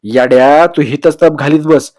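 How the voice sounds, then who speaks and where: A rustic village neighbour, as a man reading a story puts him on, loud and scolding as he calls out to a boy. His talk is blunt and countrified. The recording is dry and close. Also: a little high, steady tone, a little slow, no echo, lightly acted.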